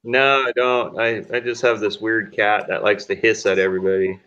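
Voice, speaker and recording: Low-voiced man telling a story on a call. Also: level tone, normal speed, bright, forceful tone, dull audio. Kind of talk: casual chat on a video call. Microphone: video call.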